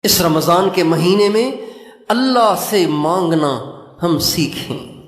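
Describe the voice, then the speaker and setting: Older male preacher, high voice, earnest and pleading, slow chanted supplications; recorded in an echoey hall. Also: lively intonation. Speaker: Islamic preacher. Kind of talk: sermon. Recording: echoey hall with long reverb.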